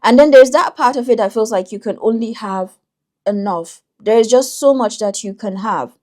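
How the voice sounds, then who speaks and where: A woman doing a tarot reading for viewers, talking in a thoughtful, intuitive way with frequent pauses and restarts. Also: fairly high pitch, darkish tone. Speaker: tarot reader.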